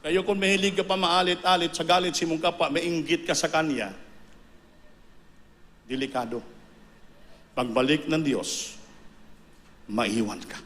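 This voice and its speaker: A male preacher delivering a sermon, emphatic and repetitive, breaking into sudden high bursts on key words. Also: unhurried, pauses often, fairly bright tone.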